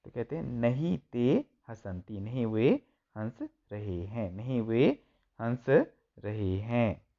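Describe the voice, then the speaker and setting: A man's voice: medium pitch, slow pace, highs cut off. A man teaching a school textbook lesson, reading each line and then translating and repeating it.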